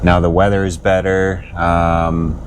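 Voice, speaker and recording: A man with a low, unhurried voice talks through his travel day in a casual vlog, rambling along with plenty of fillers. He records from his RV and the roadside on smart glasses, with faint noise in the background. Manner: relaxed, rambling with many fillers. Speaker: vlogger. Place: inside an RV and outdoors on the road. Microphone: smart glasses camera.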